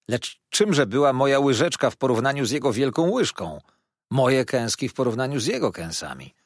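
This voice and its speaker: Male audiobook narrator, husky, expressive pitch, dead-dry booth. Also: dry recording. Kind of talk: scripted first-person narration.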